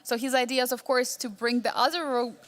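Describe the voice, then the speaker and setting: A woman's voice: on the high side, fairly even intonation, brisk. A woman doing live chess commentary, posing suspenseful questions and repeating phrases for emphasis.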